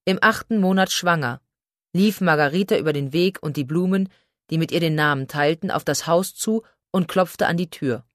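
A woman narrates a literary novel in a measured, even storytelling manner. Her voice sits on the lower side. The recording is dry and close, with no room sound. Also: dry recording. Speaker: audiobook narrator. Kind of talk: scripted narration.

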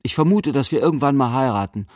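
A man's voice: mid-range voice, expressive, fast, darkish tone, no room sound, clean studio sound, pitched above the performer's own voice, close to an everyday voice. A man voicing a curious, cheerful eight-year-old boy in an audiobook, talking eagerly and chattily. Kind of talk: audiobook character voice.

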